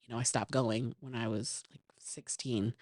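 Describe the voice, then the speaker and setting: A woman's voice: extremely low pitch, fairly even intonation, normal speed, darkish tone, no room sound, clean studio sound. A young adult woman, a guest on a podcast, talking casually with many "like" fillers and acting out little quoted exchanges. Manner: chatty, lots of "like" fillers, quotes herself. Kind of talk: casual chat.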